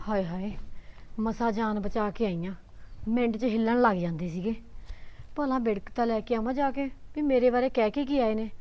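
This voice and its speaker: A woman's voice: very high-pitched, quick pace, dull audio, a little hiss or hum. A young woman playing a sly, scheming village woman who is coaxing and cheeky.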